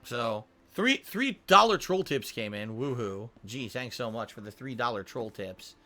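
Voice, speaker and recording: A man's voice: mid-range voice, lively intonation, measured pace, sharp tone. A man streaming a game, venting in frustration with heavy swearing and repeating himself as he reads out viewer tips. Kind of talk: casual live-stream chat.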